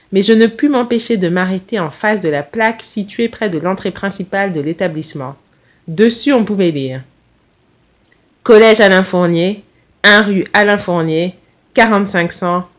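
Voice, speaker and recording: A woman reading her own first-person short story aloud in a calm, measured, reflective manner. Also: medium pitch.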